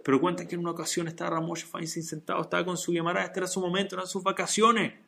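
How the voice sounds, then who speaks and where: A man's voice: high voice, little pitch movement, racing, gravelly, bright, forceful tone. A man teaching a Torah lesson, telling a story and acting out its dialogue with animation.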